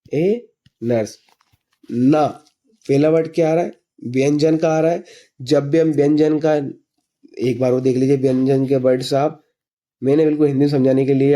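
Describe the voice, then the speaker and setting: A man, teaching an English grammar lesson slowly and patiently, asking himself questions and answering them. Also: mid-range voice, warm tone. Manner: asks and answers his own questions while teaching; slow, patient explanations. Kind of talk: classroom lesson explaining grammar.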